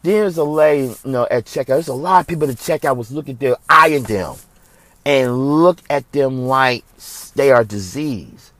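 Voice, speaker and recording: A man's voice: medium pitch, normal speed, fairly bright tone, dry recording. Preachy man with a dry, close sound. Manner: preachy, repetitive, emphatic, restarts phrases. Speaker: host of a religious commentary show. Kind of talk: impassioned religious commentary monologue.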